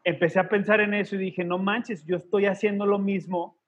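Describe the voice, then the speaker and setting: This husky male voice sits high with little pitch movement and a brisk pace, captured with lo-fi sound. He's a co-host in his 30s on a laid-back faith podcast, sharing personal stories with sincerity and bits of slang.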